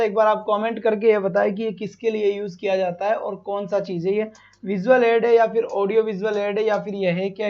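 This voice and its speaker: A man with a fairly high voice teaches a live online exam-prep class in a chatty, repetitive way, asking a question and then answering it himself. He tells off students who come late. The stream audio sounds somewhat dull and lo-fi.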